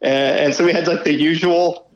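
A man's voice: fairly high pitch, steady tone, normal speed. A man in his fifties, a startup founder and guest, talking casually in an interview, full of "you know" and "right?", heard over dull lo-fi call audio. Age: 50s.

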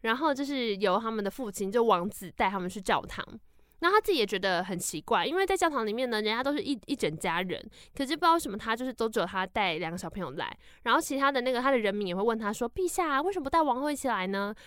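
A woman hosting a podcast, retelling a folk tale in casual, animated, jokey chat. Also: fairly high pitch, quick pace, clean tone, no echo, studio quality. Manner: animated, jokey, laughs often. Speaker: podcast host.

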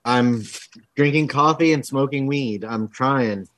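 A man co-hosts a podcast in loose, casual banter. His delivery is laid-back and deadpan, with a mid-range voice. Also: mid-range voice, slow pace, low-quality recording. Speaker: podcast co-host.

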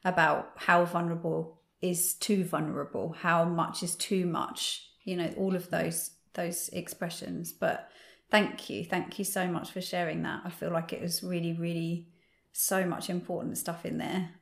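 Woman podcast host, affirming, low even delivery, roomy echo. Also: unhurried, creaky. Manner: warm, affirming, thinks aloud. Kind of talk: casual chat. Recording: echoey room.

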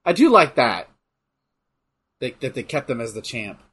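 Animated young man chatting over a game. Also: medium pitch, normal speed, slightly rough. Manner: animated, joking, swears and laughs often. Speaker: co-host. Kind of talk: casual gaming chat with commentary.

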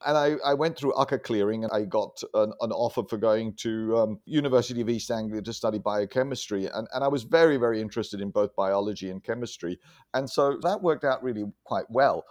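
A middle-aged German physician, raised abroad, speaks as a guest in a conversational life-story interview. His fairly low, slightly mellow voice moves fairly quickly as he reflects, explains things carefully, and often repeats words.

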